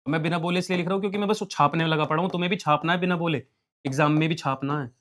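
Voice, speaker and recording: A man's voice: a little high, steady tone, fairly bright tone. Guy teaching accounts online, asks the class stuff then answers it himself, reads numbers out while writing. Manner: quizzes students with quick questions and answers them himself. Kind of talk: online lesson, solving on a board.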